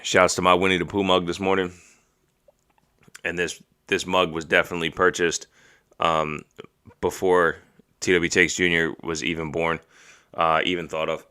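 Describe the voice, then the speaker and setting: Deep-voiced, bright, excitable podcast host man. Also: moderate pace, long pauses, smooth. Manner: profane, excitable, emotional, rambling. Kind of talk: casual live-stream chat.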